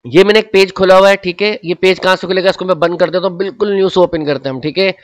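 A young man teaching a software tutorial in a casual, chatty way, often saying "okay" and a polite "sir" as fillers. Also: high-pitched, steady tone, fast talker, dry recording. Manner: chatty, repeats "ठीक है" and "जनाब" often. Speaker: Photoshop instructor. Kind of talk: casual tutorial with screen walkthrough.

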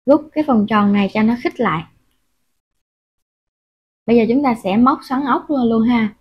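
A woman's voice: on the high side, slight background noise. A woman teaching a crochet tutorial step by step, patiently counting stitches aloud with frequent filler sounds. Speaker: crochet instructor. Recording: dull, muffled lo-fi audio.

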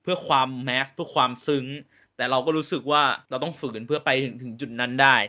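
Fired-up man ranting, bright tense voice. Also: mid-range voice, fast talker, muffled recording. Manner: animated, exasperated ranting with rhetorical questions; loose, slangy talk with restarts. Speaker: vlogger reviewing a series. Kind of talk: casual spoken review.

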